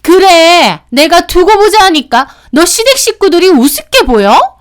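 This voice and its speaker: A woman voicing a shrill, demanding middle-aged sister-in-law in a scolding, sneering manner for a storytelling radio drama. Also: lively intonation, normal speed. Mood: yelling.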